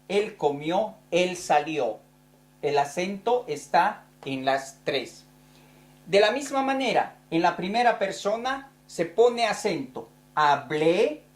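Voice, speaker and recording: Woman, teacher, slow deliberate delivery, lowish voice, grammar lesson. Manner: slow, deliberate, spelling out verb forms. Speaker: Spanish teacher.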